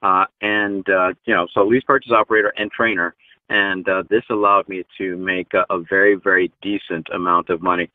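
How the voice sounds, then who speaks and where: A man's voice: low-pitched, level tone, a little fast, dry recording. A man in his forties, a truck driver guest, talking earnestly with many fillers over a video call. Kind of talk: casual interview talk. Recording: tinny phone line.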